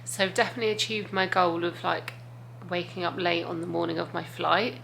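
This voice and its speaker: A woman's voice: on the low side, little pitch movement, a little fast, gravelly, fairly bright tone, slight background noise, poor audio. A woman chatting casually and informally to camera as a travel vlogger, rambling and confiding.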